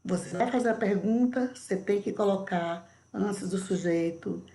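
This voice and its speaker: A middle-aged Brazilian woman teaching English in a remote video lesson, explaining patiently and repeating words slowly. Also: mid-range voice, warm tone. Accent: Brazilian Portuguese.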